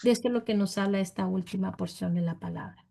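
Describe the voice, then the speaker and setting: A woman teaching a Bible study in a measured, explanatory way, inviting the group's questions. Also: medium pitch, gravelly, warm tone.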